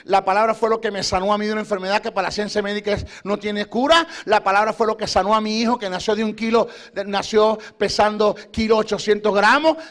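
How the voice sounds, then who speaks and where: A man's voice: high voice, little pitch movement, fast talker, hardly any pauses, a bit bright. A middle-aged man preaching a sermon as a Bible teacher, emphatic and fond of repeating phrases as he builds to exhortations.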